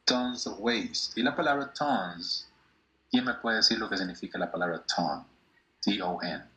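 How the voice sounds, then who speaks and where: Slow, patient male English teacher. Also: on the low side, sharp tone, poor audio. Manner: slow, patient, repeats words for drilling. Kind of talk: classroom language lesson.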